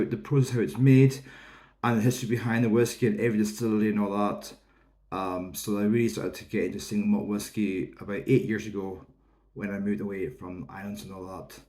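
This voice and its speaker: A man's voice: lowish voice, a little mellow. A man in his thirties with a Hebridean Scottish accent, giving a casual, rambling review to camera in an informal, explanatory way. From Isle of Lewis, Outer Hebrides, Scotland. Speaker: whisky reviewer.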